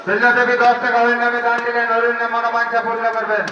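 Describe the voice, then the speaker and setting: A man reading out temple donations in a repetitive formula over an echoing festival loudspeaker. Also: extremely high pitch, monotone, fast, dull audio. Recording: echoing festival loudspeaker, distant, crowd noise.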